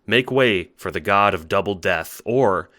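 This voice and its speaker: In an audio drama monologue, a man plays a meek, earnest young troll recounting his adventures as a log, stammering hesitantly and apologetically. His voice is on the low side, unhurried, and fairly bright, with an earnest, intrigued mood.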